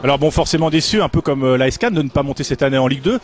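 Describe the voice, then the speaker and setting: A man's voice: medium pitch, animated, very fast, faint music behind. A man presenting and interviewing for a football club video.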